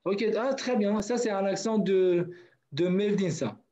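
A man's voice: high voice, measured pace, a crowd in the background. A man from northern Kurdistan teaching a language class online, patiently repeating words for his students. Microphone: video call. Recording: dull lo-fi online call audio.

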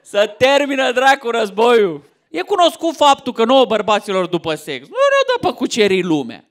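A man in his thirties from Romania doing a stand-up comedy set on stage, loud and animated, often shouting punchlines. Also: very high-pitched. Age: 30s. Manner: loud, animated, swings into mock voices and shouts. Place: theater stage before a laughing audience.

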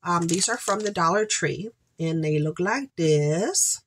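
A congested woman in her forties hosts her shopping haul vlog from an indoor room at home lined with shelves. Her fairly low voice is animated and unhurried, with slight background noise, and she chats casually to camera in a rambling way full of upbeat asides.

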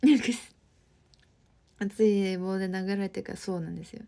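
Gravelly Osaka-accented young woman chatting. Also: mid-range voice, normal speed, dark tone. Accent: Osaka dialect. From Osaka, Japan. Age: 20s. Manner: chatty, friendly, answers comments directly. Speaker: livestream host. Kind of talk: casual chat reading viewer comments.

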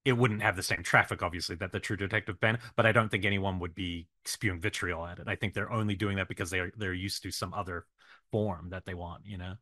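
A man's voice: sits low, fairly even intonation, fast, sharp tone, no room sound, studio quality. A man co-hosting a horror film podcast, talking casually and thoughtfully with frequent restarts. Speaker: podcast co-host.

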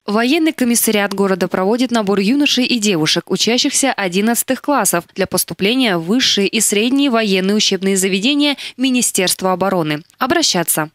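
Woman, reads notices, flat informative tone, mid pitch, dry recording. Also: no echo. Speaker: announcement reader. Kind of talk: read-out public announcements.

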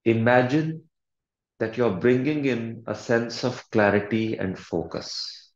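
A man serves as coach for a guided meditation, speaking in a calm, deliberate manner with long pauses and gentle, soothing directions. His voice is medium-pitched, the setting is reverberant, and the audio is dull.

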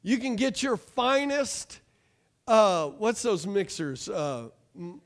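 A man, preaching a lively call-and-response sermon from a church stage. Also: high-pitched, slow pace. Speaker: pastor. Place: church stage, large room.

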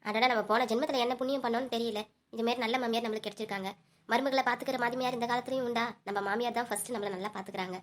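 A high, quick voice belongs to a whiny young daughter-in-law, played by a woman. She pleads and complains in a homemade comedy skit. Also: steady tone, fairly bright tone. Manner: pleading, repeating "aunt" in every line.

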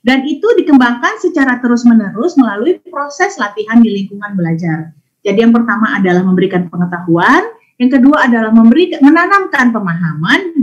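A woman giving a parenting webinar talk over a video call, explaining step by step through numbered points. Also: on the high side. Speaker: parenting educator. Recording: dull lo-fi webinar audio.

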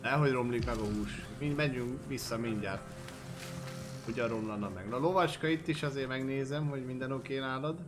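A man's voice: medium pitch, music in the background. Swearing joking game streamer man. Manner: profane, joking, talks to his horse and viewers. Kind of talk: casual gaming commentary.

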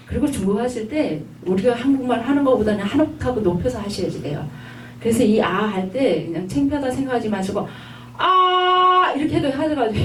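A woman's voice: mid-range voice, distant mic. Woman teaching in an echoey room. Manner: patient, repeats instructions, models drawn-out sounds. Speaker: lecturer. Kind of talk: online lifelong-learning lecture. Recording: echoey room, voice off-mic, faint hum.

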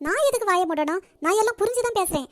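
A woman voicing a sharp-tongued, grasping middle-aged housewife in a cartoon, with a Nagercoil Tamil accent and a sarcastic, complaining manner. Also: extremely high pitch, lively intonation, rapid-fire, no echo, clean studio sound. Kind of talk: cartoon voice acting.

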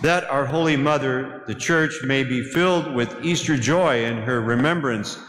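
Solemn priest in an echoey church. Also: male voice, mid-range voice, a bit bright. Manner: measured, solemn liturgical cadence. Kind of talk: leading a church service. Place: large church interior. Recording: echoey church hall with noise.

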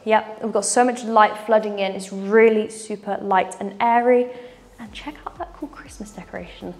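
A slightly mellow, medium-pitched female voice at a moderate pace carries an upbeat house tour. The young presenter walks through a large furnished house indoors, enthusiastic and gesturing, on a lapel mic.

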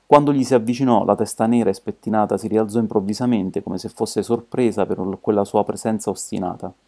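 Brief: amateur audiobook narrator, male, dark warm tone, measured delivery. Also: lowish voice, steady tone.

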